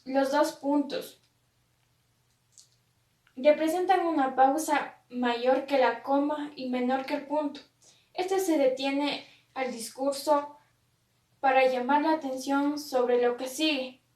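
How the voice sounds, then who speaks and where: A woman student reading a class presentation aloud, slowly and carefully with pauses. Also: sits high, steady tone, a little mellow, distant mic. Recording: echoey room, away from the mic.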